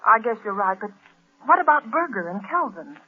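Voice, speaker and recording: A woman's voice: on the high side, big pitch swings, brisk, slightly rough, soft background music. An actress playing a worried, loyal female companion of a crime-fighter in a 1930s radio drama, with earnest delivery. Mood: eager, questioning. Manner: earnest, anxious. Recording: tinny narrow-band 1930s radio recording.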